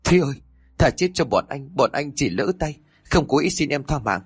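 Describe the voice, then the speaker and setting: A man's voice: mid-range voice, sing-song, moderate pace, breathy edge, dry recording, voice pushed up. A man voicing terrified male criminals who plead and beg for their lives. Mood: begging. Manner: panicked pleading. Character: two terrified male criminals begging for mercy.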